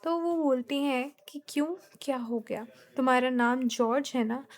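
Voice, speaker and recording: A woman, teaching a class by retelling a play line by line and quoting the characters' dialogue in a plain, steady way. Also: high voice, normal speed.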